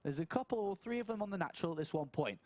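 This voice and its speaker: A man casting a live strategy game match, thinking aloud in quick questions and answers. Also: high-pitched, lively intonation, a little mellow, no echo. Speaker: esports caster.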